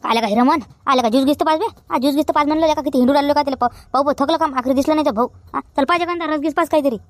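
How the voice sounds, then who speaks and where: A woman playing a quick, shrill, bossy village woman. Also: natural voice. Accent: Vidarbha Marathi. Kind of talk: rustic comedy sketch acting.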